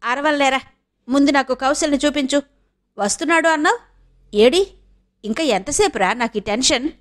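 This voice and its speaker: A woman's voice: fairly high pitch, animated, normal speed, close to an everyday voice. A woman voicing a rustic middle-aged village mother who talks bluntly and impatiently in an audiobook. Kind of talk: audiobook character reading.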